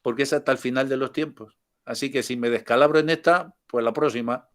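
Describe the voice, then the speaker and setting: Older spanish guy teaching spiritual stuff, chatty, jokey, mid pitch. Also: fairly even intonation, brisk. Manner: chatty, jokey, with frequent laughs and asides. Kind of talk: informal spiritual talk.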